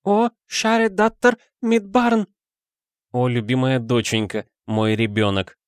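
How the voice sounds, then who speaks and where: A man's voice: animated, takes it slowly, no echo, studio quality. A man voicing a distraught middle-aged countess who wails and shrieks. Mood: frantic. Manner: shrill, wailing.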